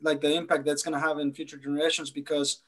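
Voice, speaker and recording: Man from El Salvador, thoughtful, a bit high voice, searching for words. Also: level tone, fast talker, fairly bright tone. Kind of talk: panel discussion.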